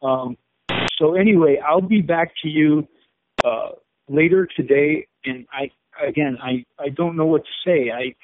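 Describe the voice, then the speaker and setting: A man in his fifties with a Chicago accent talks on a tinny phone line, upset and stammering, repeating words. His voice is on the high side and unhurried, with background noise audible.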